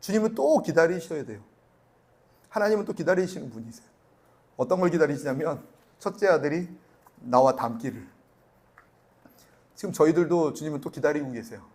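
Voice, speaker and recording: A man's voice: on the high side, lively intonation, normal speed, pauses often, darkish tone. A middle-aged male pastor giving a sermon, telling stories and acting out family dialogue with rising, emphatic questions.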